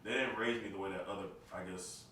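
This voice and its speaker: Deep-voiced man, echoey and distant. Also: fairly even intonation, sharp tone, a little hiss or hum. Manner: halting, thinks aloud with fillers. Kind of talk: casual podcast chat. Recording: echoey room mic from far off.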